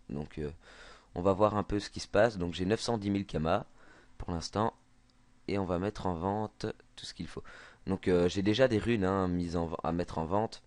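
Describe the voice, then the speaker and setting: Hesitant Belgian man, low voice. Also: darkish tone, dry recording. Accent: Belgian French. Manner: hesitant, many fillers and restarts. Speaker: gaming tutorial maker. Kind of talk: casual screen-recorded game tutorial.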